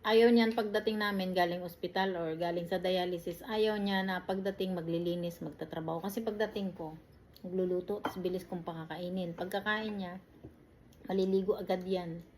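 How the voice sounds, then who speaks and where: A woman caregiver chats and tells stories in short, quick phrases and laughs often. She records on a phone, and faint room noise sits behind her. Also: fairly low pitch, fairly even intonation, a little mellow. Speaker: caregiver and vlogger. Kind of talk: casual storytelling chat.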